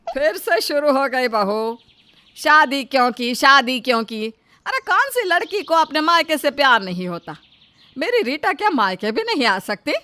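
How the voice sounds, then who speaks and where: A woman's voice: sits high, big pitch swings, unhurried, bright, forceful tone, a little hiss or hum, full character voice. A woman voicing an indignant mother defending her daughter.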